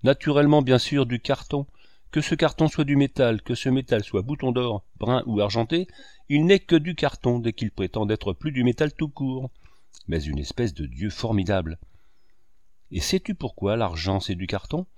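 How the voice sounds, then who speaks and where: A man reading an audiobook, voicing a boisterous, sarcastic old man who declaims and breaks into booming laughter. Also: animated, moderate pace, darkish tone, dry recording, lightly acted. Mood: mocking. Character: boisterous sarcastic old male painter, mocking.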